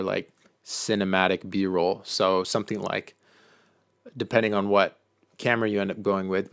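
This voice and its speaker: A man's voice: on the low side, fairly bright tone. A man hosting a casual live-stream Q&A on filmmaking, talking loosely with lots of "um" and "like" as he answers viewer questions from the chat. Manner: loose and chatty, full of "um" and "like".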